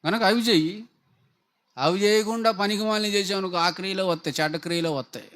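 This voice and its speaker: A man preaches with fervour, firing rhetorical questions at his congregation. His voice sits somewhat higher than most men's. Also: fast talker, a bit bright. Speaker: pastor. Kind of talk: Telugu sermon.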